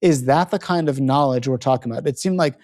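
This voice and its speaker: Chatty podcast host full of "like"s. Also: male voice, medium pitch, quick pace, a little mellow. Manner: chatty, lots of "like" and "you know", self-correcting. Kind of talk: casual podcast discussion.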